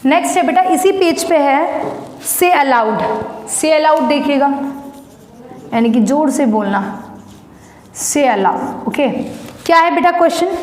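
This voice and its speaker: A woman's voice: high-pitched, lively intonation, slow, long pauses, a little mellow, a little hiss or hum. A woman teaching an English lesson to children, explaining in Hindi. She is patient and repetitive, often calls the pupils "beta" and spells words out letter by letter. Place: classroom with a blackboard. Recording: echoey room, long reverb.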